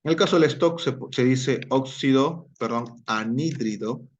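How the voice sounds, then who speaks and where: A man's voice: medium pitch, a little slow, dull audio. A man teaching a chemistry lesson, explaining step by step, repeating key terms and checking in with his students.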